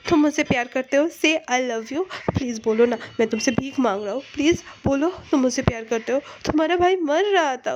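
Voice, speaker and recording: A woman voicing a scheming young man, a manipulative ex-lover, in a taunting, shrill way. The recording is muffled and lo-fi. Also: a little mellow, a little hiss or hum, natural voice. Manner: taunting, then shrill and pleading.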